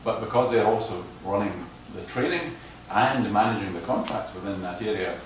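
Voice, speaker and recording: A man lectures in a very low voice, picked up from far off in a reverberant hall. He hesitates and repeats words as he explains his points. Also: moderate pace. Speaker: lecturer on footpath management. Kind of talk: lecture with audience questions. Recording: echoey hall, distant mic, noise.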